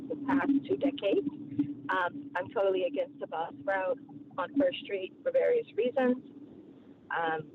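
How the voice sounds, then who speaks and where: A woman calling in on a car speakerphone while driving, giving testimony in a hurried, halting, apologetic way over a tinny phone line. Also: mid-range voice, background noise. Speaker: caller.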